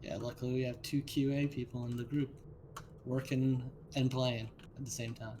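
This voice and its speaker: A man's voice: medium pitch, little pitch movement, moderate pace, mellow, a little hiss or hum. A man in casual gameplay chat, bantering and joking with teammates on a stream. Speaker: game developer playing on stream.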